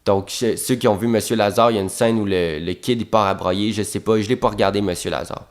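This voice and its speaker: A young man with a Québécois French accent, an actor telling behind-the-scenes stories in an animated, profane way, repeating words for emphasis. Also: lowish voice, fast. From Quebec. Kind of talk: casual storytelling monologue.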